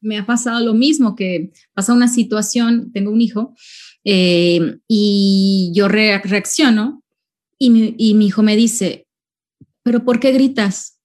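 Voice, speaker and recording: A woman's voice: mid-range voice, steady tone, measured pace, a little mellow. A woman hosting an interview, friendly and affirming, often answering with a short "claro" and sharing her own stories. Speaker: interview host.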